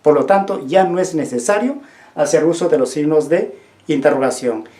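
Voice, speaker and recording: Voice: medium pitch, moderate pace, mellow. A teacher giving a language lesson, asking the class questions and repeating the key points. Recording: roomy echo.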